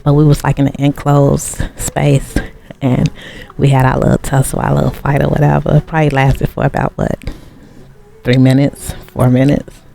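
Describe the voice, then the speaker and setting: A man's voice: medium pitch, monotone, normal speed, gravelly, mellow. A man giving a tarot reading in a casual, rambling way, often turning to the viewer with asides. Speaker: tarot reader. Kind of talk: casual chat.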